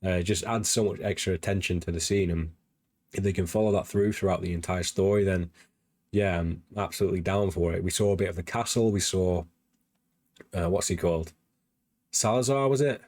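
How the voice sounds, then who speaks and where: Deep-voiced man hosting a gaming podcast. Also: a little fast, darkish tone, no echo, studio quality. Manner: rambling and eager, many fillers and restarts. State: slightly losing his voice. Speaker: podcast host. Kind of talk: casual gaming news chat on a livestream.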